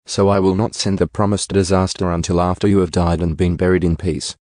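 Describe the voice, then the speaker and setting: A man giving a steady, measured scripture reading into a close studio mic. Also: low-pitched, no room sound. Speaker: Bible reader.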